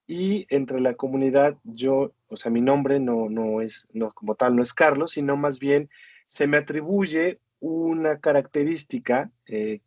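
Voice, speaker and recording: A man with a Mexican Spanish accent lectures in a halting way, filling pauses and often checking in with a tag question. The recording is dull and muffled. It sounds dry, with no room around the voice. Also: mid-range voice, a little mellow, dry recording. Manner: hesitant, many fillers and tag questions.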